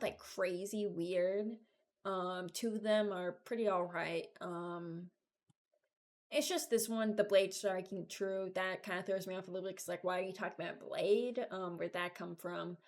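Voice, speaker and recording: With a mid-range voice, this young woman in her early twenties talks off the cuff for her gaming videos, musing out loud and wandering from point to point.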